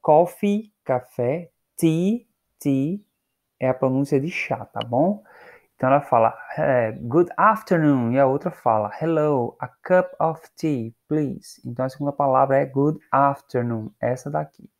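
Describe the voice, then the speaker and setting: A man's voice: medium pitch, a little mellow. Patient Brazilian man teaching English. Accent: Brazilian Portuguese. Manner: patient, explanatory, repeats checks with students; slows down to model English phrases. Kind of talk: recorded online lesson.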